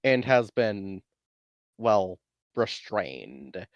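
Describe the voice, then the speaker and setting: A man narrating a tabletop game as game master, in a measured, wry way. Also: fairly low pitch, very animated, no room sound, dull audio.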